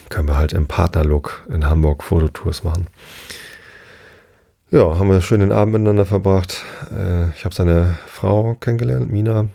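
A podcast host in his forties rambles through a relaxed solo episode, drifting between points with lots of fillers, restarts and self-corrections. His low, dark voice has a husky, gravelly edge.

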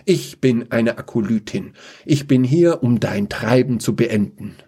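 A man's voice: medium pitch, animated, a little slow, mellow, husky. A man voicing a determined young female acolyte who speaks in a curt, commanding way.

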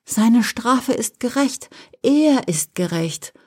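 Whispered role-play, young female angel voiced by a woman, tearful, pleading, breathy, husky, storybook fantasy. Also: on the high side, lively intonation, takes it slowly, a little mellow, full character voice. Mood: anguished pleading.

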